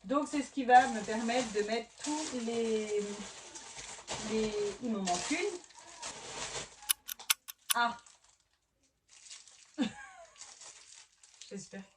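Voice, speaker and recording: A woman's voice: fairly high pitch, very slow, long pauses. A woman in her thirties chatting casually as she unboxes a haul for her family vlog, exclaiming and restarting often. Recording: mic at a distance with clear background noise.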